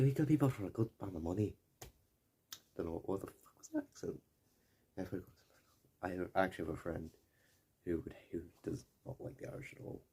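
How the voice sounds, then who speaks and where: Low, mellow young man rambling. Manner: digressive, self-correcting, mildly profane. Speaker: video essayist. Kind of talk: rambling casual commentary. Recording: faint background noise.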